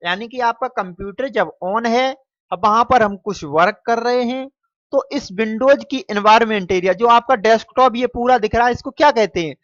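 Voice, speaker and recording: A man's voice: very high voice, a bit bright. A male teacher goes through a quiz paper question by question, stretching out each answer and calling his students "dear children". He slips English phrases into his explanations. The recording is muffled and dry, with no room echo. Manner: repeats and stretches answers slowly; mixes English phrases into Hindi. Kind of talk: exam paper walkthrough lesson.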